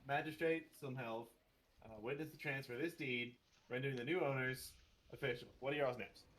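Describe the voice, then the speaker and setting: A man voicing a brisk, impatient female magistrate in a tabletop game. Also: medium pitch, steady tone, fairly bright tone, lightly acted, rough recording. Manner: curt, businesslike.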